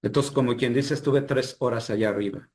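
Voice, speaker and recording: A man's voice: mid-range voice, steady tone, brisk, a little mellow. A man from Mexico with a Mexican Spanish accent, a healer telling an experience as an interview guest, earnest and re-enacting the dialogue as he goes. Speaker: healer and spiritual guide, guest. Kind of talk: storytelling interview.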